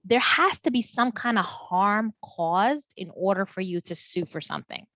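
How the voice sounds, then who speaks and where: A woman professor lecturing a college class over a video call, chatty and lively, often repeating words. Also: medium pitch, normal speed, no room sound.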